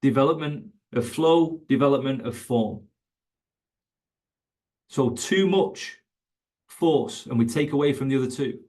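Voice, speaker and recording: A man's voice: medium pitch, unhurried, pauses often, darkish tone. A man teaching coaches in an online webinar, emphatic and conversational, repeating his key points. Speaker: fitness coach educator.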